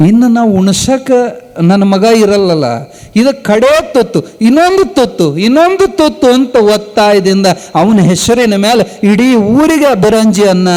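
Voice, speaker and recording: High-voiced, slow-telling sermon storyteller. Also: male voice, darkish tone. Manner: emotive, swinging between high urgent calls and low solemn lines. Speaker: spiritual discourse speaker. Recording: long hall reverb.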